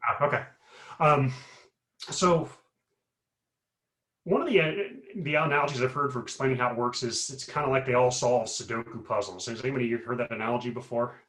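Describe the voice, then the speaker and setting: A professor explaining on an echoey call. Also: male voice, medium pitch, fairly quick, a bit bright. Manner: rambling, explanatory, frequent fillers and restarts. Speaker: guest speaker, professor. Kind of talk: explanatory talk on a webinar. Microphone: video call.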